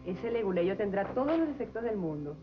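An actress with a Venezuelan accent playing a commanding, sharp-tongued head of household in a telenovela. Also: female voice, mid-range voice, big pitch swings, brisk, lightly acted. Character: domineering woman head of household. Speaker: Eva, family matriarch. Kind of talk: 1990s telenovela acting. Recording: dull lo-fi TV audio with music.

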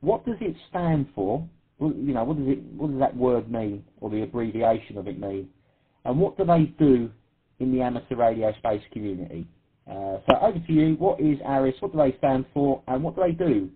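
A man's voice: medium pitch, lively intonation, brisk, slightly rough. A man with an Essex accent hosting an amateur radio net, chatty and self-deprecating, laughing easily as he calls in guests. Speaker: net control host. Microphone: radio transceiver. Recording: tinny radio transmission.

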